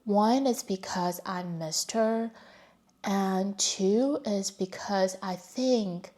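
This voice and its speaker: Speaking with a mellow mid-range voice at an extremely slow pace, a young vlogger from China shares her personal history. She's a native Mandarin speaker with a Chinese accent, and her storytelling is thoughtful and frank.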